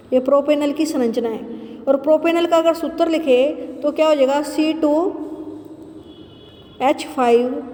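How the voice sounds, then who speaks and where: A woman teacher giving a chemistry lesson, asking questions and answering them herself, repeating key terms slowly. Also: high voice, mellow. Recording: roomy echo with long reverb.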